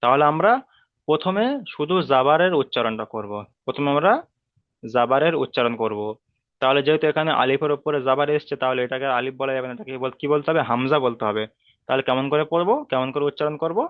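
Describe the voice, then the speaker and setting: Man, patient teacher, slow repetitive drilling, tinny phone-like call audio. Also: mid-range voice, no echo. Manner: patient, repeats and drills sounds slowly. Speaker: Arabic reading teacher. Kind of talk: online class instruction.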